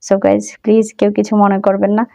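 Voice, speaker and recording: A young woman teaching phrases in a spoken lesson, repeating each line slowly and carefully in a chatty, humble way. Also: medium pitch, completely flat delivery, gravelly, dark tone. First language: Bengali. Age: young adult. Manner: slow, careful repetition of phrases. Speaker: language teacher.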